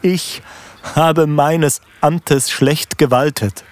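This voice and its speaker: A man voicing a furious dike reeve on horseback who shouts stern orders. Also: medium pitch, a little slow, pitched above the performer's own voice, natural voice. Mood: anguished.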